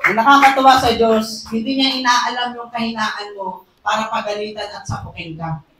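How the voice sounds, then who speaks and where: A preacher giving an emphatic sermon, at times shouting and often asking the congregation "Hello?". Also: mid-range voice, fairly even intonation, normal speed. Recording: echoey hall, distant mic, faint hum.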